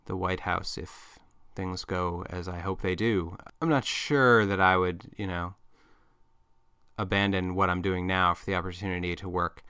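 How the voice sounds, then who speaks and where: A man's voice: deep voice, fairly even intonation, unhurried, pushed and bright, clean tone, no room sound, studio quality. A man hosting a podcast, talking casually and thinking aloud as he muses over his plans and listener mail. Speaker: podcast host.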